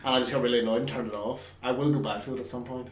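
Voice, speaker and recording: A man talks quickly and casually as a podcast co-host. He is animated, swears freely and often trails off mid-sentence. His voice sounds roomy and echoey. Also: mid-range voice, a little hiss or hum. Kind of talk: casual gaming chat.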